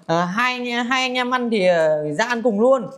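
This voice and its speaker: An easygoing, generous older brother, played by a woman in a comedy family skit. He talks in a high, relaxed voice, showing things off. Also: normal speed, close to an everyday voice. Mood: cheerful.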